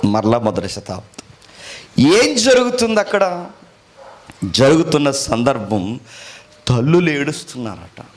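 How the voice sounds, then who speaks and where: A man preaching a sermon, dropping to low murmurs and rising to loud appeals, often asking the congregation questions. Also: big pitch swings, a little slow, pauses often.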